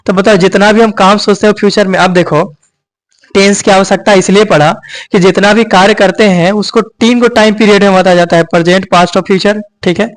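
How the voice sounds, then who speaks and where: High-pitched guy teaching a class, keeps asking "got it?" and answering his own questions. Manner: repeats "ठीक है" and "यही ना" often, checking students understand; asks rhetorical questions and answers them himself. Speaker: coaching teacher. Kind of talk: grammar lesson.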